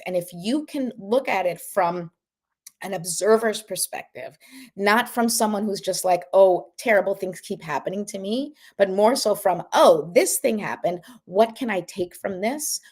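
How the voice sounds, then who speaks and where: A woman's voice: medium pitch, expressive, moderate pace, darkish tone. Woman, motivational host, encouraging, casual talk, checks in with "right?". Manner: encouraging, keeps asking "right?".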